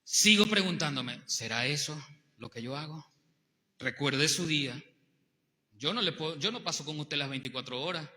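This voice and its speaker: A male pastor, preaching a sermon with animated rhetorical questions to the congregation. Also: fairly high pitch, moderate pace. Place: church hall. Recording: long hall reverb.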